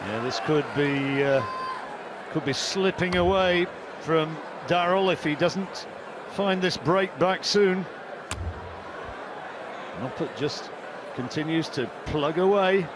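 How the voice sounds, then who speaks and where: Higher-voiced male darts commentator over crowd noise. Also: takes it slowly, long pauses. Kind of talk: live sports commentary, chatty co-commentary. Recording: noisy venue with clear crowd behind.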